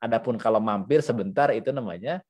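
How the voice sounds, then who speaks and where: Speaking fast in a medium-pitched, darkish voice, an Indonesian-accented Islamic teacher reads Arabic phrases aloud during a lecture. His explanations are didactic and conversational, with repeated phrases and asides peppered with checking tags.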